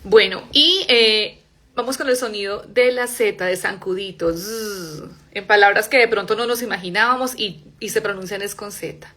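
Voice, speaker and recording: Her voice is mid-range as she leads a live class on English pronunciation. The young woman explains in Spanish, then gently and slowly demonstrates English words.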